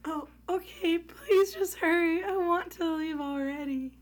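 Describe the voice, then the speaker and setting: A woman doing a frantic high-pitched young wife. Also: a little slow. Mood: frightened pleading. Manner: high, urgent, loud pleading. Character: frightened, pleading young wife.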